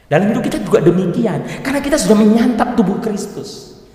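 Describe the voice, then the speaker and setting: Lively joking priest in echoey church. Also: male voice, sits high, fast. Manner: lively, joking, sings hymn lines. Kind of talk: sermon.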